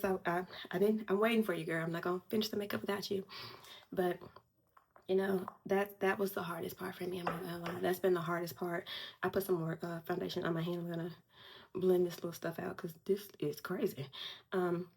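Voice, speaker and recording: A woman's voice: lowish voice, vocal fry, darkish tone, breathy edge. A woman in her forties talks candidly to her viewers while doing her makeup, fighting back tears. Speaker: beauty vlogger. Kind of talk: emotional get-ready-with-me talk.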